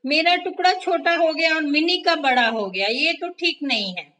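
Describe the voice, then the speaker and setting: A woman putting on a stubborn little storybook cat who protests in a loud, shrill voice. The tone is bright and high, well above the woman's usual talk. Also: normal speed, far from the mic. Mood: protesting. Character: clever young female cat, stubborn.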